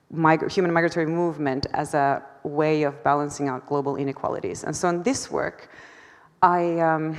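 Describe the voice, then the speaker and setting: A woman artist presenting her work at a conference talk, hesitant, with many fillers and restarts and self-deprecating laughter. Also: low-pitched. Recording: long hall reverb.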